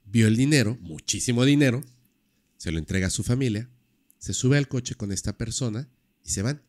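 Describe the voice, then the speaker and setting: A man casually telling a true-crime story on a podcast, lively and full of fillers. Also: medium pitch, normal speed. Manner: animated, acts out quoted dialogue, many fillers.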